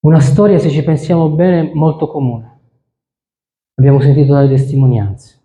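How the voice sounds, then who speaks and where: A man preaching a sermon, first reading scripture slowly and solemnly, then preaching with rising emphasis. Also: on the high side, fairly even intonation, warm tone. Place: church hall. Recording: echoey church hall.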